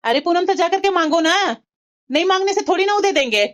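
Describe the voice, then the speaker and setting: A woman's voice: very high voice, lively intonation, quick pace, fairly bright tone. A woman voicing a sympathetic elder sister-in-law in a cartoon, giving advice and urging her on. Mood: advising. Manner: advising, coaxing. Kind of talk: cartoon voice acting.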